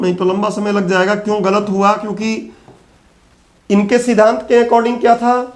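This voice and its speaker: A man teaching an exam-prep physics lecture, patiently repeating key terms and answering his own questions. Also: sits high.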